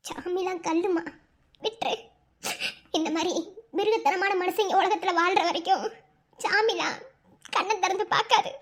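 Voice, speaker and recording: A woman voices a weary, resigned young village woman in a cartoon, speaking with a Madurai accent. Her voice sits very high and thin, heavy with bitterness. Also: normal speed, pauses often. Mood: bitter resigned. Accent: Madurai Tamil. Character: sorrowful young village bride forced into engagement. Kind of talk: cartoon voice acting.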